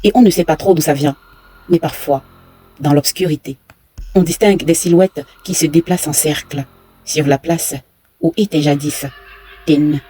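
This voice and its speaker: A storyteller giving a scripted horror narration with slow suspense and dramatic pauses. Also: medium pitch, warm tone, breathy edge. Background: faint music.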